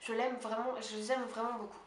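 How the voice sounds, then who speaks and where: A woman beauty vlogger talking quickly and casually at home, chatty and poking fun at herself. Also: a little high, level tone. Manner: fast, chatty and self-mocking. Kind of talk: casual monthly favorites haul chat. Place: her apartment. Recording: echoey room with faint hiss.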